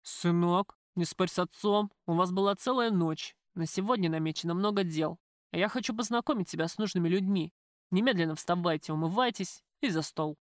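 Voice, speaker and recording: A woman's voice: on the low side, a little fast, no echo, clean studio sound, lightly acted. A woman reading a domineering bossy father. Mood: scolding. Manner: gruff, scolding, commanding. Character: domineering middle-aged father, a gruff bossy man.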